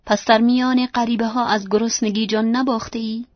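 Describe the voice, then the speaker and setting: A woman voicing a brooding, yearning blind middle-aged gentleman, earnest and pleading, in a dry, dull lo-fi recording. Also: fairly high pitch, little pitch movement, dry recording, close to an everyday voice. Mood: disbelieving.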